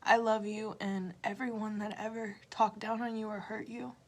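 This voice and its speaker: A woman tarot reader giving an emotional motivational pep talk to viewers on a livestream, repeating herself and swinging between loud urging and a hushed near-whisper. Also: mid-range voice, flat delivery, normal speed. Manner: repetitive, direct address to viewers.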